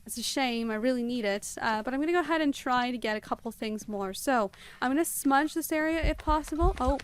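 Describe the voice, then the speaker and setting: A woman streaming a game live, talking extremely fast and chatting with viewers as she plays. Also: sits high, a little hiss or hum. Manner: chatty, greets viewers by name. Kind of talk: live gameplay commentary.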